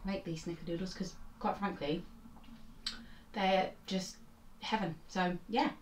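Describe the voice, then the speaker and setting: Woman cooking host, unhurried and chatty, roomy kitchen sound from a distant mic. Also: on the low side, fairly even intonation, slight background noise. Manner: chatty, hesitant with many fillers. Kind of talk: casual cooking demonstration. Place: home kitchen. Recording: echoey kitchen, mic far off.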